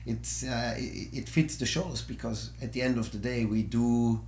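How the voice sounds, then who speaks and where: A man's voice: medium pitch, fairly even intonation, moderate pace, darkish tone. A podcast host from Austria whose first language is German, talking eagerly in a casual chat and often searching for words and restarting his phrases. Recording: echoey room with faint hum.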